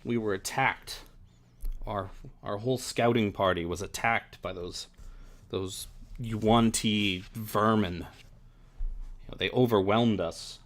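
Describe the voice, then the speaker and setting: A man's voice: on the low side, steady tone, slow, long pauses. A man voicing an injured male scholar and historian who stammers, weak and barely conscious, in a tabletop game. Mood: shaken. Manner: stammering, frightened.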